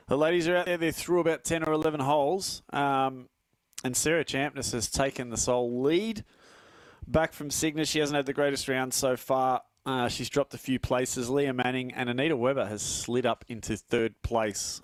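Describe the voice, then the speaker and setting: An Australian man gives casual studio commentary for a live stream in a clear, resonant, medium-pitched voice with no echo. He's chatty, laughs easily and often stumbles over his words.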